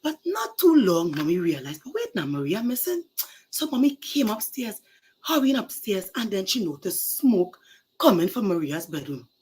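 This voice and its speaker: A woman telling a moral story to children, animated and dramatic, speaking to the kids directly. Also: medium pitch, moderate pace, breathy edge.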